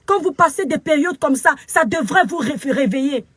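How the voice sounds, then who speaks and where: Speaking at a moderate pace in a high-pitched, animated, fairly bright voice with no echo, this very upset Cameroonian woman vents on a live video. She is a social media commentator with a Cameroonian French accent, and she scolds and preaches into her phone camera, repeating herself for emphasis.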